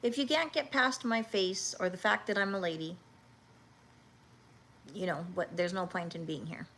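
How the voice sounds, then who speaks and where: A woman in her fifties hosting a livestream, talking earnestly and haltingly, with many restarts, as she answers viewers' comments. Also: mid-range voice, fairly bright tone. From Canada. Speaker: livestream host.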